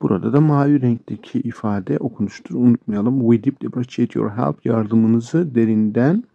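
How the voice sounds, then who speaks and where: A man teaching English sentences, explaining each one and repeating the examples slowly. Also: medium pitch, creaky, no echo, lo-fi sound. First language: Turkish. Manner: explains sentences line by line, addresses viewers as friends. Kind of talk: language lesson.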